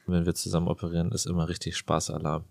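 A man's voice: deep voice, monotone, fast, vocal fry, a little mellow, no room sound, studio quality. A man hosting a casual podcast interview, chatty and joking, telling anecdotes with gusto. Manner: jokey, chatty storyteller. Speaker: podcast host and plastic surgeon.

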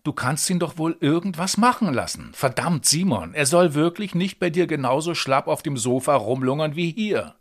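A man's voice: on the high side, animated, normal speed, few pauses, pitched above the performer's own voice. A man reading aloud as an exasperated mother who scolds her brother over the phone, in a storybook reading. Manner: insistent, scolding.

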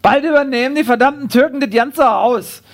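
A man's voice: very high voice, a little fast, pitched above the performer's own voice. A man reading aloud and voicing a nosy, bigoted woman neighbor from downstairs, gossipy and suspicious.

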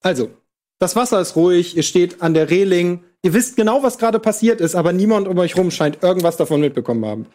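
A man's voice: sits high, lively intonation, fast, darkish tone. A man narrating and refereeing a tabletop role-playing game as game master, describing scenes in a laid-back way with fillers.

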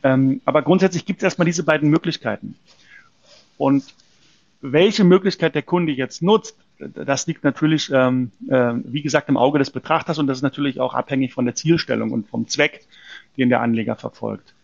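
A man's voice: mid-range voice, moderate pace, creaky, dry recording, dull audio. A man from a precious metals company answering interview questions in an explanatory way, often hesitating with fillers and restarts.

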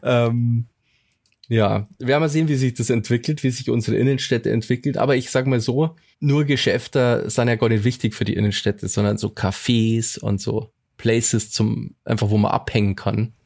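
A man co-hosting a relaxed podcast and telling stories in a loose, slangy way, with English words slipped in. His voice has a gravelly fry at a middling pitch. The recording is dry and close to the mic. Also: moderate pace, dry recording. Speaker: podcast co-host. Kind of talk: casual chat.

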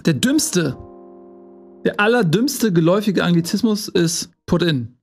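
A man's voice: sits high, expressive, measured pace, a little mellow, faint music behind. A man, a regular on the show, explaining rules in playful, mock-serious panel banter.

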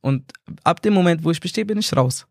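A young man in his twenties from Germany, telling lively anecdotes in casual conversation, acting out quotes and laughing often. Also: on the high side, fairly quick, creaky, no room sound, clean studio sound. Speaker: content creator and singer, guest.

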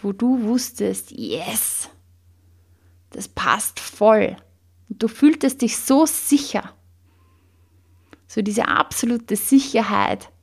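Woman coach, slow guided exercise, gravelly tone. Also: mid-range voice. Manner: slow, calm guiding questions.

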